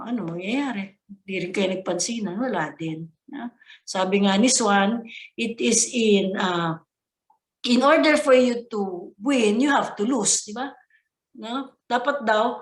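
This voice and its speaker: A woman with a fairly high voice gives a chatty motivational talk, repeatedly checking in with her listeners. Her voice echoes around the room she is speaking in. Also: fairly bright tone. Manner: conversational, often asking listeners to agree.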